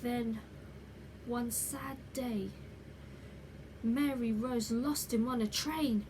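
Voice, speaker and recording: A woman reading a children's bedtime story aloud in an unhurried, measured way, like the opening of a fairy tale. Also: fairly high pitch, fairly even intonation. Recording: clearly noisy background ambience.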